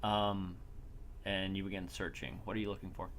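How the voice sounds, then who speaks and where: A man with a low-pitched, level voice narrates a live tabletop-style role play as game master, speaking at normal speed. He is blunt and casual and swears now and then, and the audio comes from noisy online voice chat.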